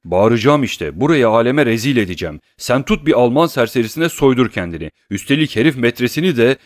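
A man reading an audiobook, voicing a coarse, bullying male swindler who rants and hurls insults loudly. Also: lowish voice, animated, fairly quick, no echo, studio quality, lightly acted. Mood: ranting. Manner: loud, abusive ranting.

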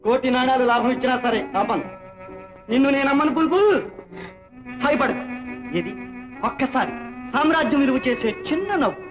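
A man's voice: extremely high pitch, fairly quick, pauses often, dull audio, music in the background. An actor playing a rich, boastful male chieftain who insists on keeping the girl he bought, in old film dialogue. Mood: possessive.

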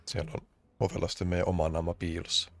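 A man's voice: low voice, gravelly, a bit bright, no echo. A man from Finland doing casual, rambling let's-play commentary, joking and grumbling as he plays. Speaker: streamer.

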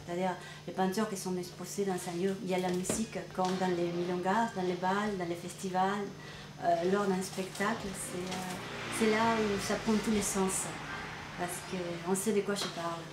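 A woman's voice: lowish voice, little pitch movement, moderate pace, background noise. Argentine-born woman painter, roomy gallery. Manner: thoughtful, searching for words. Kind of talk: interview. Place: indoor art gallery. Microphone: camcorder mic, medium framing. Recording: roomy gallery with music behind.

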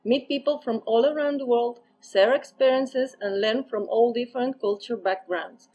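Young woman, husky enthusiastic voice. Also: a little high, moderate pace, a little mellow, lo-fi sound. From Spain. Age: young adult. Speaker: course participant. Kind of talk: self-recorded video statement. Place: room at home. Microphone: webcam.

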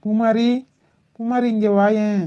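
A nervous young village man in a cartoon who is too scared to speak to the girl he loves, as a woman voices him. The voice is mellow and slightly high. The recording sounds dull. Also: level tone, slow, clear, resonant tone. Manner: anxious, pleading.

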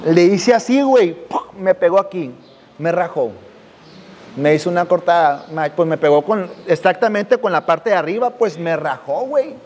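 A man's voice: high voice, moderate pace, darkish tone, in a large hall, a little hiss or hum. A man hosting a podcast, telling a personal story in slangy, casual speech. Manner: slangy, drops "güey" constantly, acts out voices. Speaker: podcast host.

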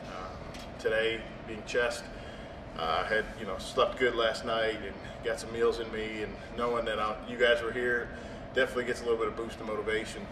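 Filmed from a distance in an echoey indoor gym with a noisy background, a competitive bodybuilder in his thirties chats about his training. He talks fairly quickly in a flat, fairly low voice, matter-of-fact and plain, letting fillers trail off.

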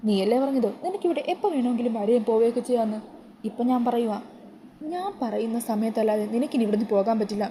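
A stern matriarch played by a woman storyteller, scolding sharply and fast. The voice sits a little high, with a mellow tone. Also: slight background noise, close to an everyday voice.

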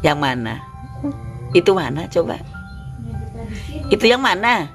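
A woman's voice: on the low side, sing-song, unhurried. Woman caretaker, firm repetitive commands, music bed behind. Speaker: caretaker at a shelter. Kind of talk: casual coaxing and scolding. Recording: background music over speech.

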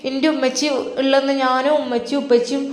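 A woman voicing a curious little girl who asks questions in a high childish voice. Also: level tone, a little fast, lightly acted. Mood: pleading, curious. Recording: roomy echo.

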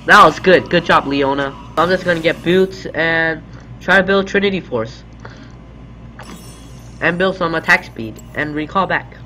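A man's voice: on the high side, a little slow, bright, forceful tone, faint music behind. A young man with a sore throat giving casual commentary as he plays a video game.

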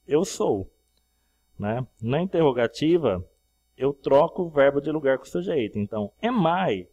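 Slow, mellow Brazilian teacher. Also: male voice, medium pitch. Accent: Brazilian Portuguese. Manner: patient, repeats phrases for learners. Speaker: English teacher. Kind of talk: classroom explanation with drills.

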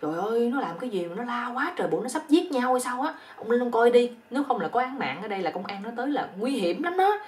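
A woman's voice: a little high, very animated, fast talker, hardly any pauses, darkish tone, recorded from a distance, voice pushed up. A woman with a Southern Vietnamese accent voicing a panicky young male hotel guest who keeps repeating himself. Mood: panicked.

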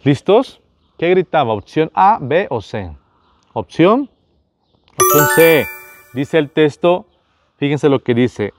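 A man's voice: a little high, sing-song, takes it slowly, pauses often, soft background music. A man, a priest, running a Bible quiz for his viewers, asking each question, repeating it, and speaking to them directly.

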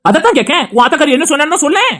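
A woman's voice: high voice, sing-song, rapid-fire, a bit bright. Woman voicing a furious scolding husband. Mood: contemptuous. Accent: Tirunelveli Tamil. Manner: scolding, insulting, heated. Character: angry loyal husband defending his brother. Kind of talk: cartoon dialogue acting.

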